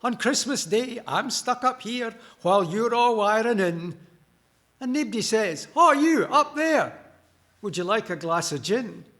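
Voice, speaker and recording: A cheeky Scottish fairy perched atop a Christmas tree moans about her lot in a bawdy comic complaint, as a man puts her on. The voice sits high and leaps about with lively swoops, taken at an unhurried pace. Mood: grumbling. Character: cheeky grumbling female fairy on a tree top.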